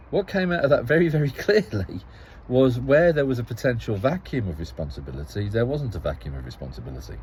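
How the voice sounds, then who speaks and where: A man's voice: medium pitch, darkish tone, a little hiss or hum, poor audio. A man giving a casual spoken account as a local parish councillor, rambling and restarting phrases as he tells the story with some exasperation.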